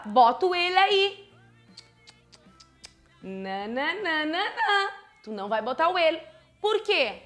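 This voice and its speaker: Bright, playful young woman teaching Spanish. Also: sits high. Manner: playful, chatty, rhetorical questions. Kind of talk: lively online lesson. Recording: faint background music.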